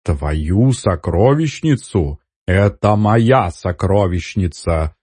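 An indignant skeleton overlord, put on by a man reading a story aloud, giving orders in a slow, emphatic way. The voice is deep and husky, with a dark tone. It sits in a dry, close recording. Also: animated, no room sound, heavily acted. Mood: outraged. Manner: outraged, commanding, slow and emphatic.

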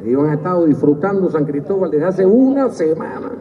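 A man's voice: fairly high pitch, sing-song, a little fast, phone-quality sound, a crowd in the background. A man from Cuba with a Cuban accent, telling funny anecdotes on stage between songs and chuckling at his own punchlines. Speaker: singer telling stories on stage. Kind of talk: humorous live storytelling between songs. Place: concert stage at a festival. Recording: distant, hall-echoed, phone-thin live recording.

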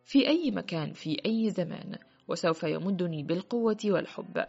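A woman's voice: lowish voice, lively intonation, brisk, creaky, dark tone, slightly rough, heavily acted. A woman voicing a fervent young male prince who insists on his visions, in an earnest voice. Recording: muffled with faint music.

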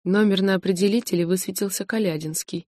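An audiobook narrator with a medium-pitched voice reads a novel aloud in steady, measured scripted narration. The recording is studio quality with no room sound.

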